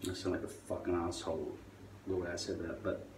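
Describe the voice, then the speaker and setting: A man's voice: deep voice, level tone, a little fast. A middle-aged man delivering a rambling, sardonic and profane monologue, drawing out words and then leaning hard on others. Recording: distant mic, roomy echo, faint noise.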